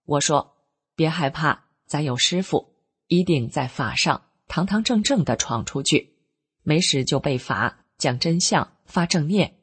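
A woman's voice: low voice, expressive, unhurried, slightly rough. A middle-aged woman, earnestly telling her own story in plain spoken words. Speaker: narrator of a personal account. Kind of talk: first-person storytelling.

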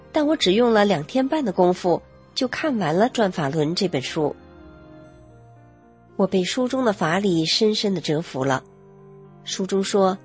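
A woman narrating a first-person story in a steady, earnest reading voice with a husky tone. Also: mid-range voice.

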